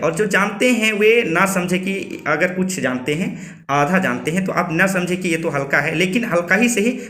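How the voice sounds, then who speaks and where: A man teaching a spoken language lesson, slowly and patiently repeating words and asking listeners to say them after him. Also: sits high, pushed and bright, roomy sound. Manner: slow, careful, patient, repeating words for learners.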